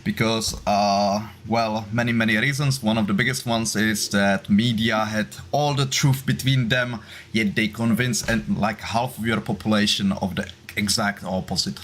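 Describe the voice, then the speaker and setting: A man's voice: fairly low pitch, steady tone, normal speed, slight background noise. A man, a small YouTuber, chatting casually on a panel and leaning on fillers. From Czech Republic. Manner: chatty, leans on "you know, like". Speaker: YouTuber guest.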